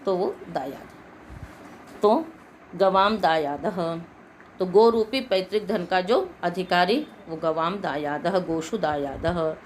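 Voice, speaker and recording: A woman's voice: fairly low pitch, slow, slight background noise, low-quality recording. A woman with a Hindi accent teaching Sanskrit grammar, patiently explaining rules and asking the class questions. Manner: patient, asks the class questions and answers them herself.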